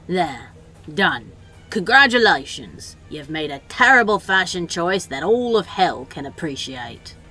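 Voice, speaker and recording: A woman's voice: on the low side, big pitch swings, a little slow, sharp tone, soft background music, heavily acted. A woman voicing a sardonic, bossy male demon in a fan audio drama, talking in a dry, exasperated, scolding way.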